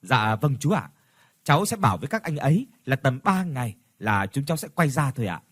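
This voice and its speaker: A man's voice: mid-range voice, big pitch swings, a little fast, fairly bright tone, breathy edge, no room sound, clean studio sound. A man doing an eager young leader. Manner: eager, persuasive.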